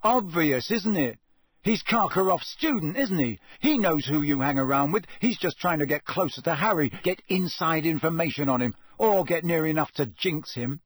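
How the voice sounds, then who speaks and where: A man's voice: a little high, animated, normal speed, no room sound, studio quality. A man voicing a jealous, sulky teenage boy in an audiobook, scathing and accusatory. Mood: nasty, suspicious.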